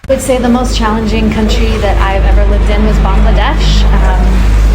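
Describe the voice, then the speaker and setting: A woman in her forties, a nonprofit country director, giving reflective and earnest interview answers with frequent pauses. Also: medium pitch. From United States. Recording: roomy echo with loud music underneath.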